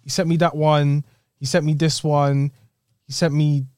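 A man's voice: fairly high pitch, little pitch movement, unhurried, darkish tone, clean tone, no echo. Insistent London roadman, dry close sound. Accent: London roadman, urban slang. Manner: insistent, repetitive. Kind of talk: casual anecdote among friends.

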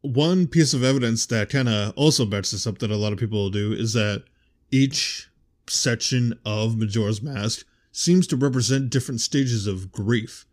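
A man giving casual, rambling video game theory commentary, correcting himself as he goes and pronouncing th sounds as f. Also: lowish voice. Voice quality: says th sounds as f. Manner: rambling, self-correcting, conversational. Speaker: host.

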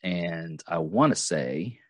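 A man's voice: low voice, lively intonation, slow pace, a bit bright, dry recording. A man hosting a casual podcast, rambling with many fillers and restarts. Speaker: podcast host.

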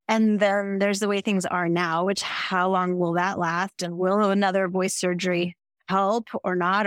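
Woman podcast host, mid-range pitch, dry close recording, empathetic and thoughtful. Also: no echo. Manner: thoughtful, empathetic, asks open questions. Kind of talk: conversational interview.

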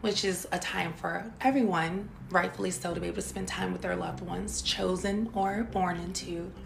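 A woman hosting a true crime podcast, narrating from a script in a deliberate, solemn manner. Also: lowish voice, steady tone, vocal fry, noisy background. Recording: echoey room, music bed.

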